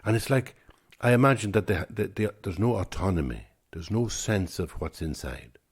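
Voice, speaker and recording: An Irish man in his sixties hosts a podcast alone, musing reflectively and often repeating words while he gathers his thoughts. His voice is lowish with a breathy edge, lively intonation and a moderate pace.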